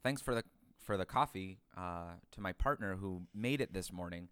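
A man co-hosting a podcast, trading puns in casual banter and delivering them deadpan. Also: low-pitched, normal speed, clear, resonant tone, no room sound. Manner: deadpan punning. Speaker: podcast co-host and editor. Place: dining room.

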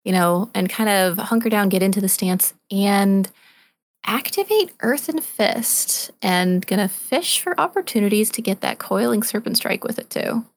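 A woman's voice: mid-range voice, normal speed, hardly any pauses, a little hiss or hum. A woman playing in a tabletop role-playing session, explaining rules and dice results step by step. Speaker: player.

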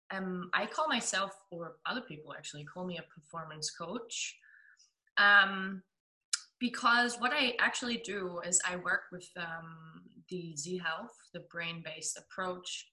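A woman in her twenties with a German accent, a performance coach chatting as a podcast guest, hesitant and quick to laugh. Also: lowish voice, pushed and bright, rough recording. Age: 20s. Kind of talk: casual podcast interview. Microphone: remote call from home.

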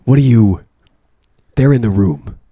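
A male actor playing a stressed manager in pain, halting and feebly pleading as he struggles to speak. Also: mid-range voice, dark tone, no room sound, clean studio sound, close to an everyday voice.

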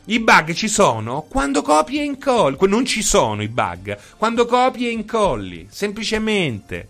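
A man's voice: high-pitched, wildly swooping pitch, moderate pace, a bit bright. A man streaming and ranting in a casual, emphatic way, repeating himself and swearing freely. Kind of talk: casual livestream rant.

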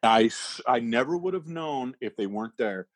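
Husky-voiced male comic from Canada, animated storyteller, dry close sound. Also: mid-range voice, moderate pace, no room sound. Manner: animated, laughs through his own story. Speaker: comedian guest. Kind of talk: casual storytelling.

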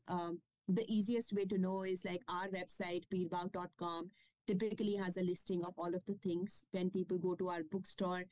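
A woman's voice: mid-range voice, warm tone, dry recording, poor audio. A woman being interviewed about her children's books, talking casually with lots of fillers and restarts. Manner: chatty, many fillers and restarts. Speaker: children's book publisher and author.

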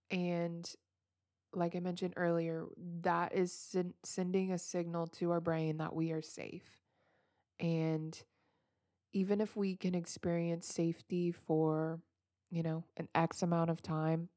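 A woman's voice: on the low side, warm tone, no echo, clean studio sound. A woman hosting a podcast, talking casually and earnestly about handling heavy feelings, reassuring and rambling with restarts. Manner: loose, rambling phrasing with many restarts. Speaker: podcast host. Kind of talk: casual self-help talk.

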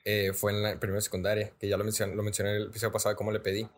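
A young man with a Mexican accent rattles off personal stories at a brisk clip. His talk is loose and slangy, thick with casual fillers, in the relaxed style of a podcast host. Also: fairly low pitch. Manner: rapid slangy storytelling with frequent filler "güey". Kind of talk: casual storytelling chat.

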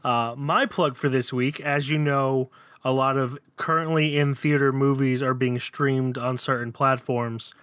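A man's voice: medium pitch, steady tone, unhurried, a bit bright, clean tone, dry recording. Podcast guy, mid voice, lots of ums and likes, dead dry sound. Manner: hesitant, filler-heavy reviewing. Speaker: podcast co-host. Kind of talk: casual chat.

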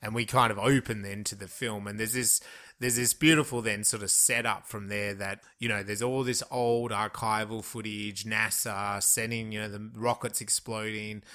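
A man's voice: lowish voice, little pitch movement, moderate pace, sharp tone. A man with an Australian accent co-hosting a casual film discussion, chatty, laughing often and trailing off mid-sentence. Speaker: podcast co-host.

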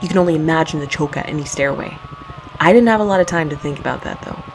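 A woman's voice: deep voice, fast. A young woman narrating and acting as a sarcastic, profane heroine caught up in a dangerous stunt. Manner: sarcastic and profane, often panicky. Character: sardonic young woman narrating her own reckless stunt. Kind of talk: first-person audio drama narration. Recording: audible background noise.

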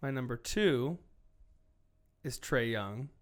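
A man co-hosting a sports podcast in casual chat, animated and profane, swinging between loud bursts and low asides. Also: takes it slowly. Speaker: podcast co-host.

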